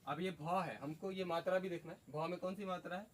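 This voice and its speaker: A man's voice: high-pitched, a little fast. A man teaching a class, asking the students questions and repeating their answers. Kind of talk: classroom lesson. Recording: faint background noise.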